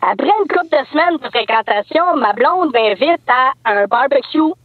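A man's voice: lively intonation, normal speed, no room sound. A man with a Québécois accent calling in anonymously, his voice run through a voice changer to disguise it, speaking hesitantly with many fillers. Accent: Québécois French. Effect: voice changer disguising the voice, pitched up. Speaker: anonymous caller. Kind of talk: phone-in confession on radio. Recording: tinny phone line.

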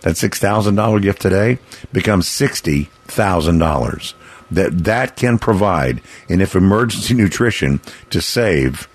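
An American man hosting a live radio charity pledge drive, pitching a limited-time offer in a folksy, rambling, earnest and persuasive way. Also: expressive, unhurried, breathy edge. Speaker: radio fundraiser host.

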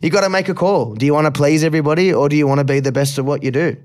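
A man's voice: fairly high pitch, very fast, darkish tone. An Australian man, a rapper guesting on a podcast, talking candidly and reflectively in casual chat, swearing now and then and repeating words when moved.

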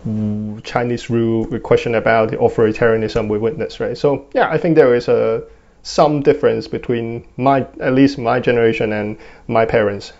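Gravelly young man with a Hong Kong accent. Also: mid-range voice, steady tone, normal speed, darkish tone, muffled recording. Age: 20s. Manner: thoughtful, many fillers and tag questions. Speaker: guest. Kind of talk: interview answers.

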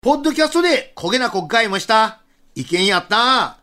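Male radio co-host, Kagoshima dialect, animated storyteller, bright tone. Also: sits high, a little fast. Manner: lively storyteller, chuckles often. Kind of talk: reading a listener's letter in casual radio chat.

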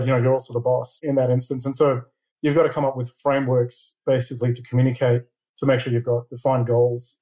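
An Iranian-born middle-aged man, a lawyer and board chair, answers interview questions as a guest in a rapid, level voice. His tone is mellow and dark at medium pitch, and he is measured, often repeating a word as he begins a phrase.

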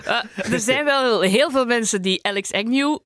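A woman's voice: fairly high pitch, moderate pace, a bit bright, no echo, clean studio sound. A woman interviewing a guest in a light, amused way. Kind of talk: casual interview.

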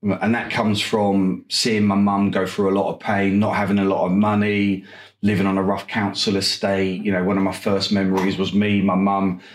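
An enthusiastic, energetic man with an Essex accent, answering conversationally as an interview guest. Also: sits low, normal speed, echoey room. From Essex, England. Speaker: interview guest, property coach.

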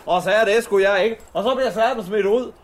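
A man playing an indignant local candidate who keeps swearing, in a comedy sketch. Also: sits high. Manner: blustering, indignant, swears a lot. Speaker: comic candidate character.

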